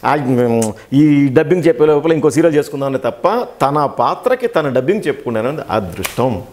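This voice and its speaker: A man who works as a dubbing artist and actor, giving an interview and telling stories with quick, animated delivery, acting out the dialogue he quotes. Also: a little high. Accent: Telugu.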